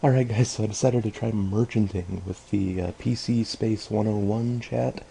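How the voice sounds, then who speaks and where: A low-pitched man with a heavily gravelly, fry-laden voice talks through his gameplay in a loose, chatty way. His tone is mellow and dark, and he keeps restarting sentences and filling gaps with ums. He sounds like he's recording from home at a desktop mic. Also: steady tone, normal speed, slight background noise. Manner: casually profane when frustrated. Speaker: gaming channel host. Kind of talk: casual gameplay commentary.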